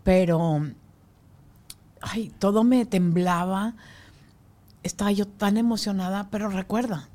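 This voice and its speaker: A woman's voice: medium pitch, steady tone, warm tone. Emotional woman telling a personal story. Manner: halting, emotional, drops to near-whisper at tender moments. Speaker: guest sharing her adoption story.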